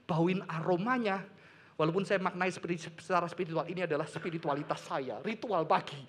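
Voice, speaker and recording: A middle-aged pastor from Indonesia preaching a sermon in an animated way, slipping in English phrases and casual slang. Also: male voice, extremely high pitch.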